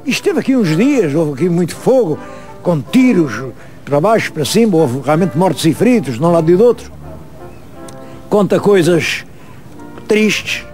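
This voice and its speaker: A man's voice: sits high, darkish tone. A man with a European Portuguese accent, a history presenter who tells a local story vividly and speaks directly to his viewers. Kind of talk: storytelling to camera on location.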